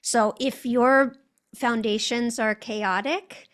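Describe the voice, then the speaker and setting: A woman's voice: a little high, fairly even intonation, slow, fairly bright tone. A woman with an American accent, a guest telling her story in an interview, articulate and reflective.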